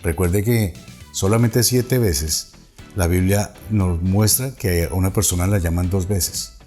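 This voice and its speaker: A man with a Colombian Spanish accent preaches a sermon in a very low voice, with faint music playing behind him. He reads Bible passages aloud, raising his voice on the quoted dialogue and often restarting words as he explains them. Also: measured pace, dark tone. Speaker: pastor. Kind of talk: sermon reading and explaining scripture.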